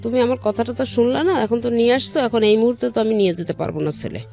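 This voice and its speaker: A middle-aged woman with a Bangladeshi accent, a guest in an interview, tells her own life story conversationally, detailing who said what. Her voice is on the high side, creaky and a little mellow, and she talks in rapid-fire bursts. Music plays in the background.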